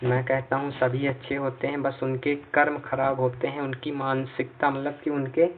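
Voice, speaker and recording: A man's voice: medium pitch, monotone, moderate pace, slight background noise. A man teaching an exam-prep lesson through memory tricks. He repeats himself a lot and keeps checking in with his listeners. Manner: repetitive, checks in often with "ठीक है". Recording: tinny, phone-like sound from a distance off mic.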